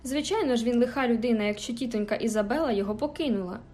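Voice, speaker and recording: A woman's voice: fairly high pitch, racing, a little mellow, natural voice. Woman voicing a fiery teenage girl. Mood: indignant. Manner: emphatic, indignant outbursts. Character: spirited teenage girl, quick-tempered but tender. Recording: faint background music.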